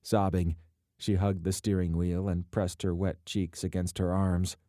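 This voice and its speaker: Man, audiobook narrator, deep dark voice, steady reading, dry close sound. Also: unhurried, dry recording. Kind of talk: scripted narration.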